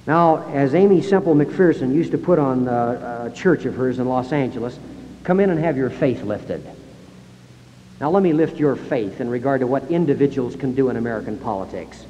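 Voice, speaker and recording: A man giving a public speech in a high school hall, emphatic and acting out quoted voices, recorded on 1960s analog tape. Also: fairly quick, hardly any pauses, dark tone, highs cut off, a little hiss or hum. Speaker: speaker.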